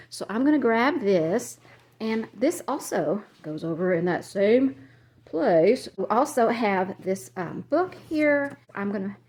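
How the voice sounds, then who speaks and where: A woman's voice: mid-range voice, darkish tone. A woman narrating a casual decluttering vlog as she walks through her home, chatty and rambling, a little out of breath, laughing at herself. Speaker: vlogger. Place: cluttered home, moving between rooms.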